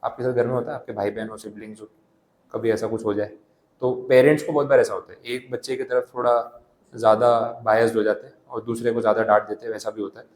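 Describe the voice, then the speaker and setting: A man teaching a classroom lecture, explaining slowly with everyday examples and reading English passages aloud at a slow pace. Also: fairly low pitch, little pitch movement, darkish tone, echoey room, poor audio.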